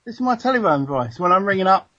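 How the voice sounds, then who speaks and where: A husky, slightly higher-voiced man talks over the phone, his voice muffled and lo-fi on the line. He rambles through his point with lots of ums and false starts, as a caller on a casual chat show. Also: sing-song, quick pace, pushed and bright. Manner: rambling, many ums and restarts. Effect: heard over the phone.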